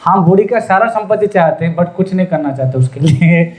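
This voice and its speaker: A man's voice: high voice, a little fast, a little mellow. A man preaching a sermon as a story, acting out its characters and quizzing his listeners with questions. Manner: acts out quoted characters and quizzes the audience; apologetic, humble asides.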